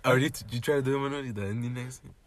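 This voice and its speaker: A man's voice: mid-range voice, racing. Stammering man over faint background noise. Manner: stammering, laughs easily. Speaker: podcast co-host. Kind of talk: casual chat.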